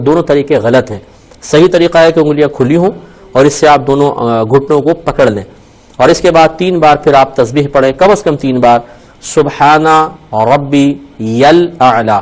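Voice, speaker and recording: Man teaching prayer, slow careful phrasing. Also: a little high, darkish tone, poor audio. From Pakistan. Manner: explains step by step, slowly spelling out Arabic phrases. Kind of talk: religious instruction on a call-in program.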